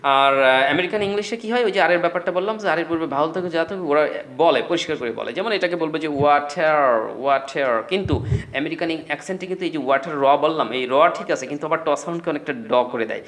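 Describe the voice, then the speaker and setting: A man's voice: fairly high pitch, fast talker, a bit bright. A man teaching a spoken English lesson, explaining patiently and repeating words as drills.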